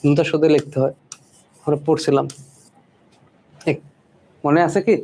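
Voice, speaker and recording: Teaching a spelling lesson, a man speaks in a mellow, dark, gravelly voice pitched a little high, with little pitch movement and a moderate pace over a little hiss or hum. He repeats every word several times and keeps asking "ঠিক আছে?" to check in.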